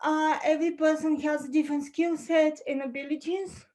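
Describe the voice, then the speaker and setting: A young woman from Bulgaria speaks in a bright, high voice as she talks through presentation slides on a video call. Her pace is careful and slightly halting, with small fillers between her points. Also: fairly even intonation, low-quality recording. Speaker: conference speaker.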